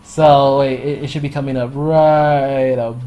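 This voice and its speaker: A man casually reviewing a story in a rambling, profane, excitable way. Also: medium pitch, normal speed, soft background music. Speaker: anime and manga reviewer.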